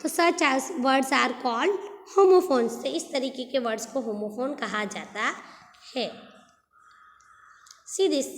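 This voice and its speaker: Woman teacher, high voice and an unhurried pace, patiently explains and spells out words for kids. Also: roomy sound, in a large hall. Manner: slow, patient, repeats and spells out words letter by letter. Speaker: school English teacher. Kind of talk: explaining homophones to young children.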